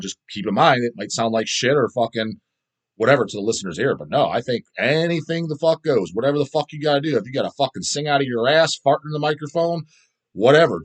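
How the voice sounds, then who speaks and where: He has a mid-range voice with a breathy edge. As host of an underground death metal video show, he rambles through viewer comments with blunt, profane opinions and leans on repeated words for emphasis.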